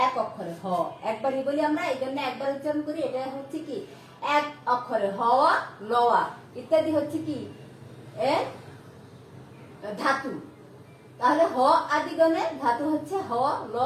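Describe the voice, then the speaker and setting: Female teacher, high voice, repetitive questioning style, distant mic in an echoey room. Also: a little hiss or hum. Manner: repeats and asks rhetorical questions. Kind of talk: online grammar lesson.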